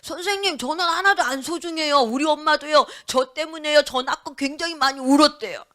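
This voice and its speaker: A woman's voice: high-pitched, a little fast, bright, forceful tone. A woman voicing a discouraged young schoolboy who complains that he is worthless. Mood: sulky. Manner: sulky, complaining. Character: discouraged young schoolboy pupil, self-doubting.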